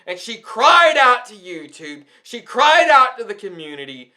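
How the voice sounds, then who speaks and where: Very high-pitched and forceful, this man's bright voice moves at a measured pace as he rants at the platform with great animation. He makes ASMR videos, and here he scolds indignantly and emphatically, repeating phrases for effect.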